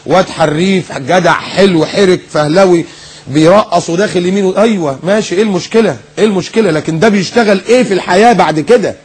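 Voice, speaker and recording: Husky fast-talking Egyptian preacher. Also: male voice, sits high. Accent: Egyptian Arabic. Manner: animated, mocking, rhetorical questions, mimics others. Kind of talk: recorded sermon lecture.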